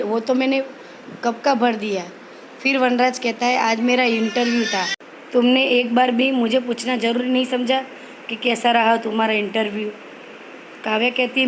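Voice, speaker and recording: A woman casually retelling a TV serial episode, reading the characters' lines in a flat, even voice with frequent stumbles and restarts. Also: fairly high pitch, background noise. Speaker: channel host recapping a TV serial. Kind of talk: casual spoken episode recap.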